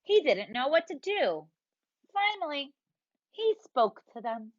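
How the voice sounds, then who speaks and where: Woman, preschool teacher, storybook read-aloud, expressive, dry dull lo-fi sound. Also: high-pitched, slow pace, no room sound. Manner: expressive, asks the children questions, drawn out. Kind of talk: reading a picture book aloud to young children.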